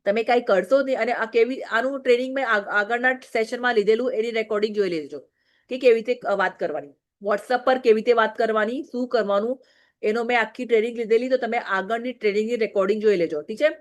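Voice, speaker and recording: A woman's voice: on the high side, fast. A married woman giving a direct, scolding training talk to her business team, often checking "okay?". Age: adult, married.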